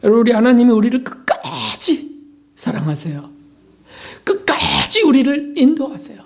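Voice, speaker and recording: A man's voice: extremely high pitch, very animated, moderate pace. A male pastor preaching a sermon with emphatic, dramatic questions.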